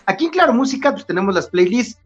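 A man's voice: extremely high pitch, big pitch swings, fast. A man hosting an interview, asking friendly, chatty questions with many restarts. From Mexico. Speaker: interview host. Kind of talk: casual interview. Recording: dull lo-fi sound with faint music.

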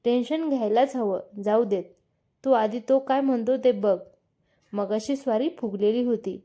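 A woman voicing an older father-in-law who is grave and kindly, giving slow, serious advice. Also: fairly high pitch, warm tone, natural voice.

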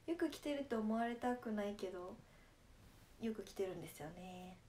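A woman's voice: on the high side, very animated, unhurried, a little hiss or hum. A young woman from Nagasaki speaking in Nagasaki dialect, chatting playfully with viewers on a casual livestream and laughing often. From Japan, Nagasaki. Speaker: idol livestreamer.

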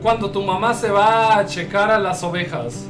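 A man's voice: sits high, steady tone, moderate pace, recorded from a distance, music in the background. A man streaming a game, crude and joking, a little tipsy. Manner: crude, joking, loud outbursts. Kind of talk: casual game streaming, translating game text aloud. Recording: echoey room with background noise, off-mic.

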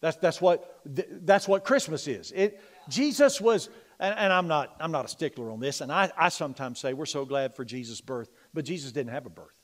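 A middle-aged male pastor preaching a sermon in a church. He moves between loud, emphatic preaching and quiet, confiding personal stories. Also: a little high, expressive, moderate pace. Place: church sanctuary.

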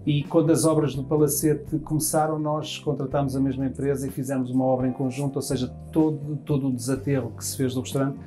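Faint music drifts behind this fast-talking restaurant manager, a man in his fifties with a European Portuguese accent. His mellow mid-range voice barely changes pitch and hardly pauses as he answers interview questions at length indoors in the dining room, gesturing and restarting phrases repeatedly.

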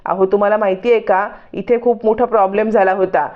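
A woman's voice: medium pitch, steady tone, fairly quick, phone-quality sound, close to an everyday voice. A woman voicing a flustered young woman who explains herself hurriedly. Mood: explaining.

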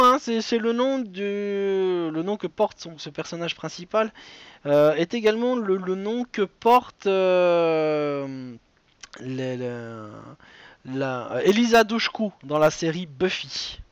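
Talkative French quiz host, high voice. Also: male voice, expressive, slow, smooth, dry recording, dull audio. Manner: chatty, joking asides, many restarts. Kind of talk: live-streamed quiz hosting.

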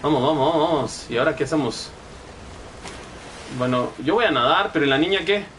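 A man's voice: fairly high pitch, expressive, brisk, a bit bright, a little hiss or hum, poor audio. A young man with a Guatemalan Spanish accent giving profane, chatty live gameplay commentary and reading chat messages aloud. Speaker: gaming streamer.

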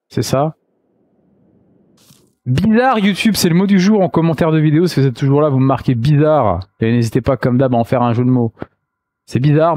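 A man's voice: mid-range voice, a little mellow, no echo. A man hosting a let's play, talking casually and slangily to viewers while musing aloud. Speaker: gaming let's play host. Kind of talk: casual game commentary addressed to viewers.

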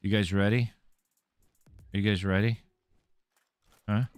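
A man's voice: on the low side, level tone, a little slow, clean tone, faint music behind. A man streaming a game live, commenting casually, swearing freely and taunting the enemies he fights.

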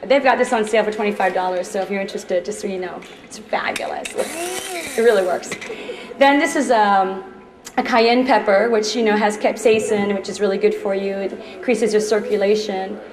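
On an echoey department store floor, a woman from Trinidad in her thirties gives a live cooking demonstration as a chef. She speaks at a moderate pace in a mid-range voice, staying chatty and upbeat and trading jokes with the audience in the demo kitchen.

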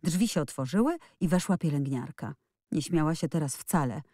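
A woman narrates a storybook with expressive reading. Her voice sits low, and the recording is dry and close with no room sound. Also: normal speed, no room sound. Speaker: audiobook narrator. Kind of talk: scripted narration.

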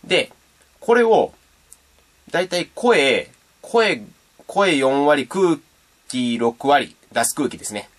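A man's voice: on the high side, animated, slow, pauses often. A man giving a casual, playful beatbox tutorial and demonstrating sounds as he explains. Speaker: beatbox teacher.

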